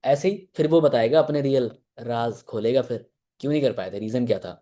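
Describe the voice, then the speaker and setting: Mellow-voiced man coaching sales objections. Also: a little fast. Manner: conversational, acts out both sides of a sales pitch, frequent filler checks. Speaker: sales team mentor. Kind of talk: motivational sales training talk.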